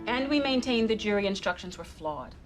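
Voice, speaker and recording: A woman's voice: medium pitch, lively intonation, fairly quick, over loud music, close to an everyday voice. A nervous young lawyer, played by a woman with a mid-range voice, laying out her argument in formal, earnest phrasing. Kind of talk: TV legal drama acting.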